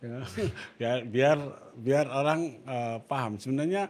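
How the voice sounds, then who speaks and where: A man hosts a casual conversation. He speaks in a middle register, thinking aloud with frequent pauses and fillers. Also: mid-range voice, darkish tone. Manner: thoughtful, hesitant with many fillers. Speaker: host. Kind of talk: casual chat.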